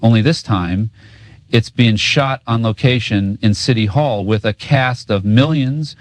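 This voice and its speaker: A man's voice: medium pitch, a little slow, dry recording. A man co-hosting a political talk show, trading a scripted rant in sarcastic, cynical, profane street talk. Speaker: co-host.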